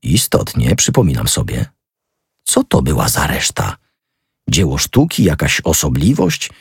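A man reading a novel aloud as audiobook narrator, measured and expressive. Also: rumbling low, creaky, breathy edge, no room sound, studio quality. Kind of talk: scripted narration.

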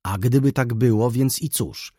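A man reading an audiobook, voicing a gentle young woman who speaks with passion and defiance about love. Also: mid-range voice, expressive, moderate pace, slightly rough, dry recording, clean studio sound. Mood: impassioned. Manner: passionate, pleading, rising to outbursts.

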